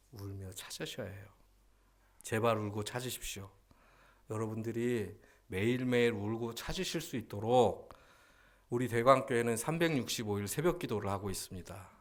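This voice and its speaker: Man, pastor, Sunday sermon, fairly low voice, emphatic, rhetorical questions. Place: church sanctuary.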